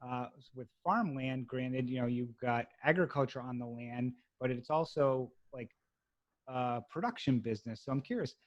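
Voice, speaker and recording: Chatty host with a Boston accent. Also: male voice, medium pitch, normal speed, no room sound, dull audio. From Massachusetts. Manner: chatty, rambling, many fillers. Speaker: podcast host. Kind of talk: casual interview.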